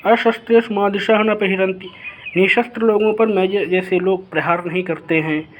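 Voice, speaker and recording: A man with a fairly high voice teaches a class by reading a classical text aloud line by line. He follows each line with a plain explanation, and his voice rises when he reads out a character's words. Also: fairly even intonation, moderate pace, lo-fi sound, slight background noise. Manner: reads each Sanskrit line, then paraphrases it. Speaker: Sanskrit teacher.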